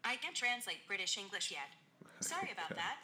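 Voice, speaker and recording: A woman's voice: mid-range voice, sing-song, moderate pace, crowd noise. A synthetic woman's voice giving short assistant replies, played through a phone speaker.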